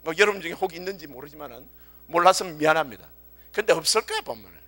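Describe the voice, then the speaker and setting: Animated, bright-voiced male preacher. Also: on the high side, quick pace. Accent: Korean. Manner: colloquial, animated storytelling. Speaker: youth pastor. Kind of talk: sermon. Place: church service.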